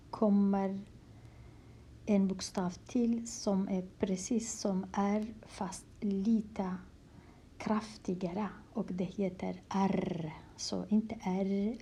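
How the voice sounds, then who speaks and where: Soft-spoken woman teaching letters. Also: mid-range voice, a little hiss or hum. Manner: slow, patient, repeats words, often drops to a whisper. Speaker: language teacher. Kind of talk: handwriting lesson in Kurdish letters, explained in Swedish.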